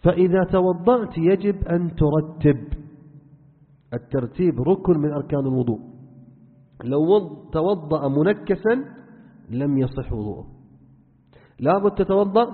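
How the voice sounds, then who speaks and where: A man's voice: a little high, lively intonation, normal speed, long pauses. A man teaching a religious lesson as a sheikh, earnest and instructive, speaking straight to his listeners. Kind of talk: religious lesson, explaining to students. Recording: phone-like band, long hall reverb.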